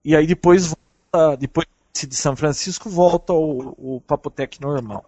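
A man's voice: fairly high pitch, moderate pace, no room sound. Chatty Brazilian man telling travel stories. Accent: Brazilian Portuguese. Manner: chatty, animated storyteller. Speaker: traveling podcast guest. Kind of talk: casual chat over a call.

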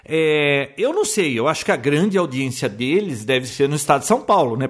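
A Brazilian man co-hosting a casual podcast chat, telling opinionated stories with many restarts. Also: a little high. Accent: Brazilian Portuguese. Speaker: podcast co-host.

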